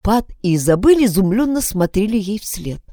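A woman narrating a children's storybook with a dramatic, expressive reading. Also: mid-range voice, moderate pace, no room sound, clean studio sound. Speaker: audiobook narrator.

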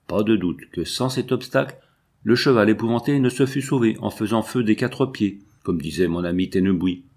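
Man reading a classic novel, low-pitched, measured and steady. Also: slightly rough. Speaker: audiobook narrator. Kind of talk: scripted literary narration.

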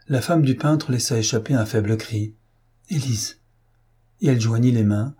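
Mellow-voiced male audiobook narrator. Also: on the low side, husky. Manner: measured, composed narration. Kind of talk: audiobook reading.

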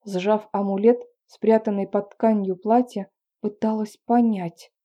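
A woman reading a first-person story in a calm, measured audiobook narration. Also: medium pitch, muffled recording. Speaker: audiobook reader.

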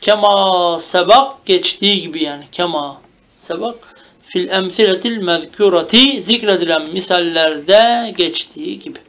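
A man with a high voice teaches a traditional grammar text to a student. He recites short Arabic phrases and then restates them in Turkish. He keeps checking understanding with quick questions. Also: pushed and bright. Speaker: religious teacher. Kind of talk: classical Arabic grammar lesson.

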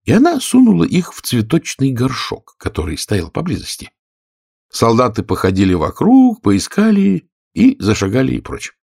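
A man's voice: mid-range voice, moderate pace, gravelly, husky, no room sound, clean studio sound. A man reading a fairy tale as an audiobook narrator, telling it expressively. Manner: expressive, lively storytelling. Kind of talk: scripted storybook narration.

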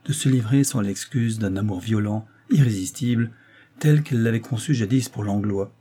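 A man reading a literary novel aloud as an audiobook narrator, in a measured, even storytelling manner. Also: lowish voice, slightly rough. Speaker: audiobook reader.

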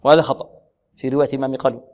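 A man's voice: mid-range voice, flat delivery, darkish tone. Man teaching recitation in an echoey hall. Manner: drills pronunciation slowly, repeating syllables and asking students questions. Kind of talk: tajweed lesson. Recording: long reverb, echoey hall.

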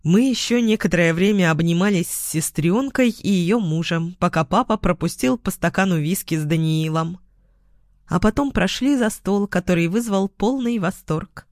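A woman reading a first-person novel aloud at an unhurried pace, gently expressive. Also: fairly low pitch, dry recording, studio quality. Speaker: audiobook narrator.

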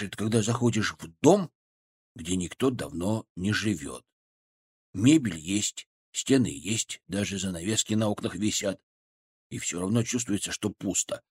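A man voicing a cheeky, brash male chipmunk in an audiobook, his voice muffled, low and hushed. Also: slightly rough. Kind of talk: audiobook reading.

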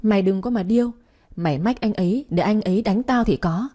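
A woman voicing a shrill, spiteful young sister-in-law in a story reading. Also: a little fast, dark tone, lightly acted.

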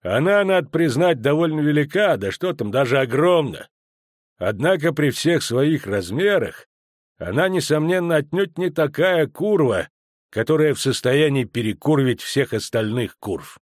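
A man's voice: on the high side, animated, moderate pace, no room sound, clean studio sound, lightly acted. A man voicing a stern old male dwarf veteran who lectures the others with firm emphasis in an audiobook. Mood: serious.

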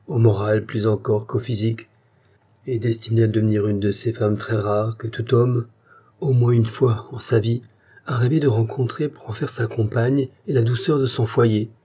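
A man narrating a literary short story in a measured storytelling manner. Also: on the low side, warm tone, breathy edge.

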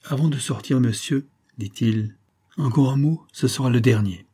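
A man's voice: mid-range voice, moderate pace, mellow, slightly rough, natural voice. A man voicing a proud young man facing a duel, speaking in solemn, formal oaths.

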